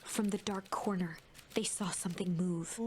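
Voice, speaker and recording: A woman narrating a video game story in a soft, hushed storybook manner. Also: fairly low pitch, steady tone, moderate pace, a little hiss or hum, natural voice. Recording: loud music under voice.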